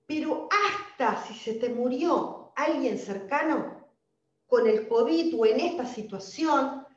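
A woman's voice: high-pitched, takes it slowly, echoey room, distant mic, lo-fi sound. A woman with an Argentine accent hosting a live-streamed spiritual wellness talk, emphatic and speaking straight to her viewers. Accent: Argentine Spanish. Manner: animated, emphatic, addresses viewers directly. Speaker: holistic wellness host.

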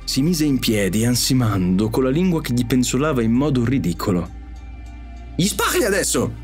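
A man narrating an audiobook story in an expressive, animated way. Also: mid-range voice, brisk. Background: faint music.

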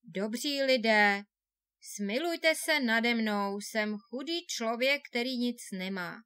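A woman's voice: a little high, a bit bright, clear, resonant tone, no room sound, clean studio sound, natural voice. A woman reading a fairy tale, voicing a poor, hungry peasant man who laments and pleads humbly. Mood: pleading.

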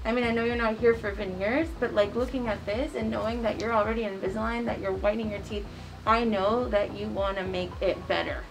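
Masked woman dentist with a gravelly voice. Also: medium pitch, fairly even intonation, fairly quick, noisy background. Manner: easygoing, chatty, many "like" fillers. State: speaking through a face mask. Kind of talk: explaining treatment to a patient. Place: dental office.

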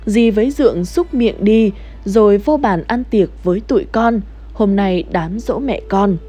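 A woman's voice: medium pitch, a little slow, dark tone, breathy edge, faint music behind. A woman voicing a polite young village man inviting his relatives to a memorial meal.

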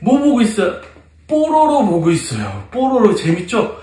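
A man leading a toddler Sunday school lesson as the children's pastor, asking the little ones questions in an animated, sing-song way. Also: sits high, moderate pace, reverberant, distant mic. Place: church classroom.

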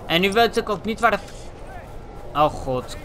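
A young man from the Netherlands giving excitable, foul-mouthed let's play commentary, tossing in English slang. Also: high-pitched, a little slow. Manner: excitable, swears a lot, drops English slang. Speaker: gaming channel host.

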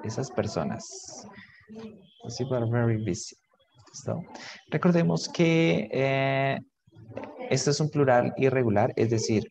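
A man's voice: medium pitch, vocal fry, a little mellow, slight background noise, poor audio. A man teaching an online English grammar lesson, patiently repeating words and switching between English and to explain.

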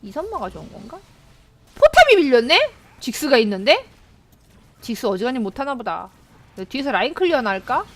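A woman streaming a game, excitably commenting, yelping and chattering at her own play. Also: sits high, brisk, pauses often. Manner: excitable, yelps and chatters at the screen. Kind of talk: live gameplay commentary.

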